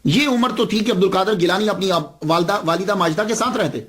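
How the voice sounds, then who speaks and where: High-voiced male preacher telling a story. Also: fast talker, a bit bright. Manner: emphatic, with rhetorical questions and pitch swings. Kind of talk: sermon storytelling.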